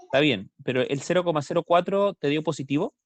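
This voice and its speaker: A man's voice: a little high, fast talker, dry recording. Chilean male math teacher, online class, computer mic, dry sound, asks questions step by step. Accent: Chilean Spanish.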